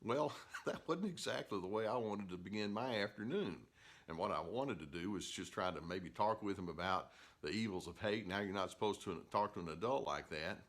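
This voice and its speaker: An older male therapist talks straight to camera in an unhurried, instructive way. His voice sits fairly low, and he often pauses on "uh" as he tells his stories. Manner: calm storytelling with filler "uh"s. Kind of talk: educational talk to camera.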